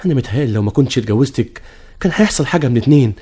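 An actor with an Egyptian accent playing a flattering middle-aged suitor in an old radio drama. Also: male voice, mid-range voice, racing, slightly rough. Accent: Egyptian Arabic. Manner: flattering, wheedling.

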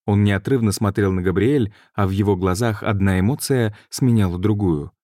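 A man narrating an audiobook in a measured, deliberate way. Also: lowish voice, warm tone, no echo, clean studio sound. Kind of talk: scripted narration.

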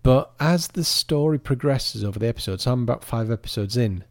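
A man's voice: mid-range voice, fairly quick, dry recording, studio quality. A man co-hosting a podcast, rambling and chatty, often restarting his sentences. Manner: rambling, chatty, self-interrupting. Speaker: podcast co-host. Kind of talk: casual chat.

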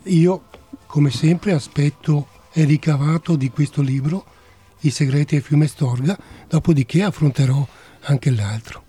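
A man who writes novels and poems, answering a radio host's questions softly and briefly. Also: a little high, a little slow, breathy edge. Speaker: author guest.

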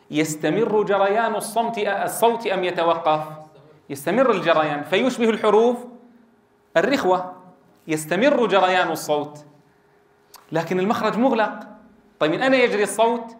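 A man's voice: high-pitched, animated, moderate pace, long pauses, reverberant. A middle-aged man teaching a classroom lesson, explaining and quizzing his students and drilling sounds aloud. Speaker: Quran recitation teacher.

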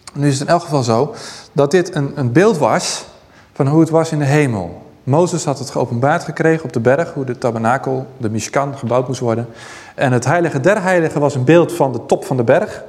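A man's voice: fairly high pitch, a little mellow, big-room sound. A man giving a sermon as a preacher, teaching scripture and reading passages aloud with rising emphasis.

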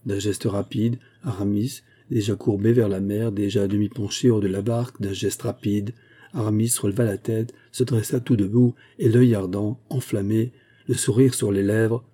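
Dark, husky-voiced male narrator. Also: lowish voice. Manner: measured, even storytelling. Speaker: audiobook narrator. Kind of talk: scripted narration of a classic novel.

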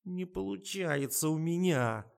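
A man's voice: fairly low pitch, moderate pace, mellow. A man reading an audiobook, voicing a whiny, squeamish young actress.

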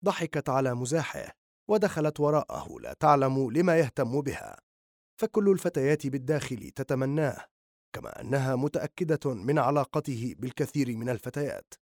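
A man narrating a novel as an audiobook reader, with expressive storytelling. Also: medium pitch, fairly quick, no echo, clean studio sound. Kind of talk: scripted narration.

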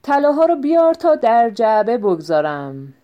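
A woman voicing a clever, scheming husband who speaks loudly on purpose so that hidden listeners can hear him. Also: a little high, lo-fi sound, close to an everyday voice. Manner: loud and emphatic, staging talk for eavesdroppers. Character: clever scheming husband, middle-aged man.

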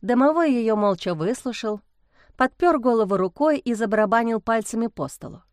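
A woman reading a fairy-tale audiobook chapter as narrator, in an even storytelling manner. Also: fairly high pitch, moderate pace, dry recording, studio quality. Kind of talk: scripted narration.

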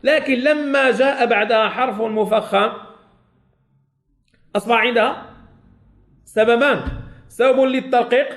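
A Moroccan man with a rather high voice teaches a tajweed class. He stretches each sample word out slowly and repeats it. Between the examples he corrects his pupils and checks that they follow. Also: creaky, a bit bright. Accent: Moroccan Arabic. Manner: slowly drawn-out sample words, repeated to students. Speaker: Quran recitation teacher.

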